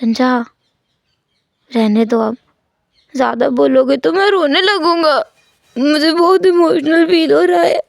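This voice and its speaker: A woman voicing an emotional, pouty pregnant young man who talks in a higher, whiny, teary way, in a read-aloud story. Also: lively intonation, slow pace, gravelly, long pauses, dry recording, clean studio sound, exaggerated voice.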